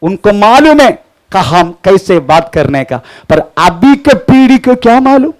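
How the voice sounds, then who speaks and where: Pastor guy preaching, high voice, slow, keeps repeating the reading back. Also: very animated, rough recording. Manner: repeats the reader's lines, frequent "praise the Lord" and "haan" interjections. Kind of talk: sermon with Bible reading.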